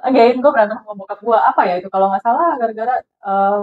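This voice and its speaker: A fairly high-voiced woman, chatting on a podcast. She tells childhood stories with animated energy and breaks into laughter. The audio sounds a little dull and lo-fi. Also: fast. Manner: animated storyteller, laughs often, mixes in English. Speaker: podcast co-host. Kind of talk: casual chat.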